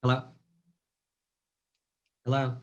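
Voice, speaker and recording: A man answering questions as a presenting physician in a webinar, his audio on a video call breaking up, speaking haltingly with many fillers and restarts. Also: lo-fi sound.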